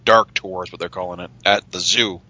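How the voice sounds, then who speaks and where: A man chatting casually on a podcast as a paranormal investigator, excitable and talkative. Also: deep voice, fairly quick, rough recording. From Utah.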